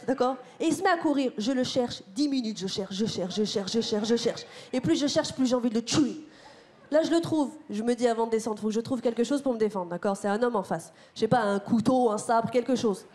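A woman performing a stand-up comedy set on a theater stage, talking to the crowd in an animated, slangy way. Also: fairly high pitch. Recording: live theater with loud crowd noise. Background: audience laughter.

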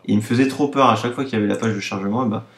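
Excitable 18-year-old male let's-play host, roomy room sound. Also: fairly low pitch, racing. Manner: excitable, exclaims often. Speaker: gaming video host. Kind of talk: casual let's-play commentary.

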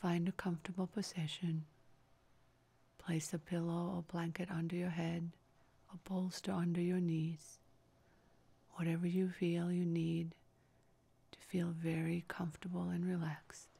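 This is a woman's yoga nidra guidance for relaxation, spoken very slowly and calmly with a soothing, measured delivery. Her voice is soft and breathy, close to a whisper, at a fairly low pitch. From phrase to phrase it stays very even.

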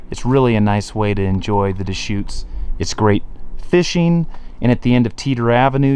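Brief: man, mid-pitched, easygoing outdoor tour guide, pointing things out. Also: clean tone. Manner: relaxed, enthusiastic, pointing out landmarks. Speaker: real estate video tour narrator. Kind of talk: casual property tour narration. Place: outdoors on a rural lot and riverside.

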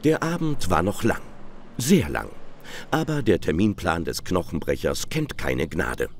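A man's voice: low voice, very animated, measured pace, a little hiss or hum. A man narrating a television documentary in a wry, playful scripted style.

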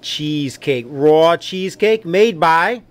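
A man's voice: a little high, lively intonation, slow pace. A man filming an upbeat, friendly walkthrough of a small cafe's new menu on a handheld camera. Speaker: cafe host filming a menu tour. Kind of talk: casual promotional walkthrough. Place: small cafe indoors.

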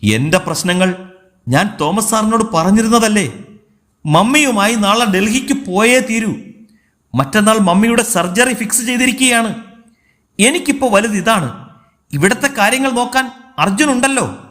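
A man's voice: high voice, lively intonation, normal speed, fairly bright tone. A man voicing a firm young woman official. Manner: firm, insistent.

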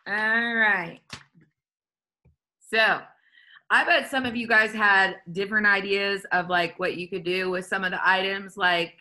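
Over a laptop video call, a woman leads a children's lesson, hosting casually with a chatty, encouraging manner. Her medium-pitched voice is unhurried, pushed and bright, with fairly even intonation.

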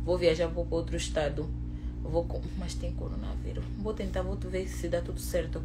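A woman chatting casually on a livestream, excitable and preachy, swinging from low murmurs to loud encouragement. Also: normal speed, over loud music. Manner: excitable, switches from murmuring to shouting. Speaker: vlogger.

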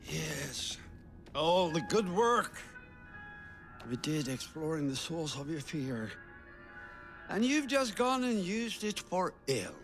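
A calm male psychiatrist in a video game lectures in a measured, coolly reproachful tone. His pitch rises and falls expressively, with faint game music underneath. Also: full character voice.

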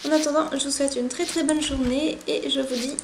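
A woman's voice: high-pitched, steady tone, a little fast, slight background noise. A woman commenting on a video game playthrough, reading the in-game journal aloud and stumbling over words at times. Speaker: let's play host.

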